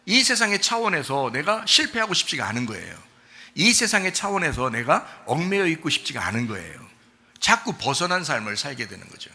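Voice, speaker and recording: A male pastor delivering a sermon, moving from soft explanation to shouted rebuke and mocking the prayers he quotes. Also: a little high. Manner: shifts from soft talk to shouted rebuke, addresses listeners as "you".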